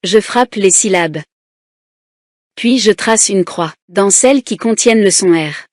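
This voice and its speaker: Woman teacher, children's lesson reader, deliberate syllable-by-syllable delivery, dry mic. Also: mid-range voice, dry recording. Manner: slow, deliberate, splits words into syllables. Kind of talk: reading a children's lesson aloud.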